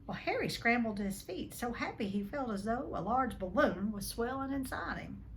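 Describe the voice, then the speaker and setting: Animated and fairly high-pitched, a woman reads a storybook aloud at a moderate pace, dramatizing it and speaking to listeners as a teacher might. The recording is poor, with a little hiss or hum.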